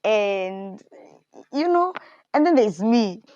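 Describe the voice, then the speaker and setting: A young woman hosts a podcast, speaking slowly in a mid-range voice as she reflects candidly on her faith and insecurities, growing animated whenever she quotes others. It's a personal faith talk, recorded with no echo and the high frequencies cut off.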